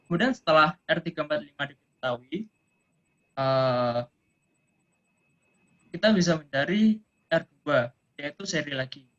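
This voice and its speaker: Bright-voiced man on a choppy, breaking-up call. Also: a little high, unhurried, pauses often. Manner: hesitant, self-correcting, thinking aloud. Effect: choppy, faint audio breaking up over an online call. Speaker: student presenting homework. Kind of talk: explaining circuit calculations in an online class. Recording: dull lo-fi online call audio.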